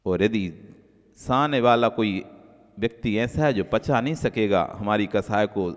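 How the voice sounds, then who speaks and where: A male Jain monk giving a sermon, repeating key phrases and moving between soft low asides and raised, emphatic lines. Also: a little slow. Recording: long hall reverb.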